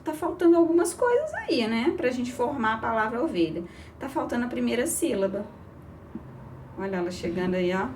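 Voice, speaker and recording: A woman teaching an early reading lesson to children, encouraging and spelling out syllables slowly. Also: a little high, a little mellow, far from the mic, a little hiss or hum.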